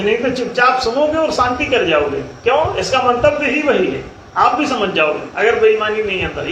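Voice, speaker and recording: A man's voice: very high-pitched, a bit bright. A man, a spiritual teacher, giving an emphatic, explanatory discourse that repeats phrases for effect. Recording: echoey room, faint noise.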